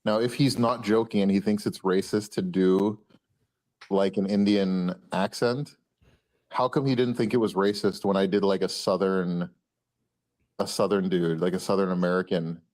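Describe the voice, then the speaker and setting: A man's voice: low-pitched, steady tone, normal speed, a little mellow. A man from Israel telling jokey stories on a casual livestream, leaning on "like". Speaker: co-host. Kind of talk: casual storytelling chat.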